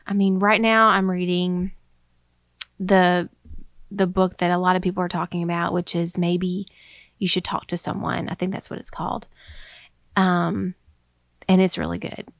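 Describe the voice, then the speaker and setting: Young mom podcaster rambling w lots of ums, kinda out of breath, lowish voice, dry sound. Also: female voice, flat delivery, unhurried, vocal fry, pauses often, no room sound. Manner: rambling, with many ums and restarts. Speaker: podcast host. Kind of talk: casual solo podcast talk.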